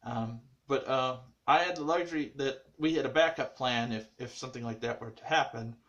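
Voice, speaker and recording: A man recapping an anime episode in casual chat, rambling with lots of fillers and restarts, swinging between muttered asides and excited bursts. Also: medium pitch, normal speed, muffled recording. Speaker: anime reviewer.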